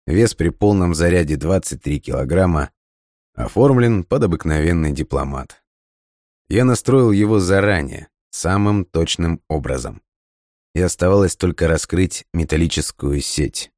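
A man with a very low, deep voice reads a first-person story aloud. His delivery is steady and measured, and the recording is close and dry with no room sound. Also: no echo. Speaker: audiobook narrator. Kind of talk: scripted first-person narration.

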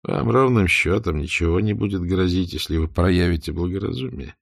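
A cunning, hard-nosed secret agent in an audiobook, voiced by the male narrator. His voice is low and dark, and he gives his orders in short, clipped lines. The recording is close and dry. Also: moderate pace, creaky, no room sound. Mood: calm, quiet. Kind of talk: audiobook character voice.

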